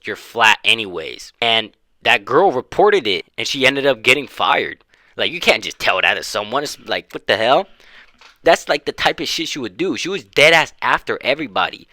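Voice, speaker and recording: A man's voice: medium pitch, big pitch swings, fairly quick, pushed and bright, dry recording. A young man telling a school story in casual, slang-heavy talk, swearing often and laughing as he goes.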